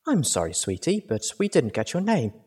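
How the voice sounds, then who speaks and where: A man voicing a polite, motherly female pony in a storybook reading, soft and courteous. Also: medium pitch, huge pitch swings, moderate pace, breathy edge, voice pushed up. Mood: kindly, apologetic. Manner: soft, courteous, gently apologetic. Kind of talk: audiobook character voice.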